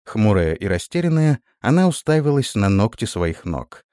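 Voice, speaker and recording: A male narrator reads a fantasy audiobook, rising and falling a great deal as he tells it. His voice sits fairly low, and the recording is dry and close. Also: moderate pace, no echo. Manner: expressive, voices every character. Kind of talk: audiobook reading.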